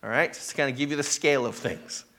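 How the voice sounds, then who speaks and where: A male pastor giving a sermon in a conversational way, often checking in with the congregation, and turning animated when he acts out the disciples. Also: medium pitch, fast. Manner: conversational, checks in with "right?" and "okay?".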